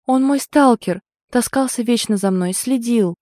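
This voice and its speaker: A woman putting on a hysterical, shouting young woman. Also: a little slow, no room sound, clean studio sound, lightly acted. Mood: frantic. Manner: shrill, shouting, sobbing.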